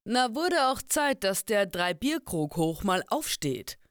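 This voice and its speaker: A woman's voice: medium pitch, big pitch swings, slow, clear, resonant tone, no room sound. Give me a woman playing a blunt, hard-drinking fighter man for a storybook, dry close sound. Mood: gruff.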